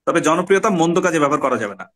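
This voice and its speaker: Husky-voiced Bangladeshi man teaching a class. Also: a little high, lively intonation, rapid-fire, a bit bright. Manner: teacherly, asks the class questions and acts out examples. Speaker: soft skills trainer. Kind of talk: classroom lecture.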